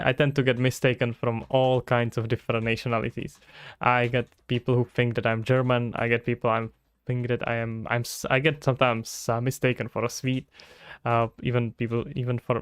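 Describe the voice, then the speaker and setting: A Czech-accented man from the Czech Republic speaks at normal speed in a level, medium-pitched voice with a clear, resonant tone. He's live-streaming game development, thinking aloud and answering chat questions casually, with no room sound.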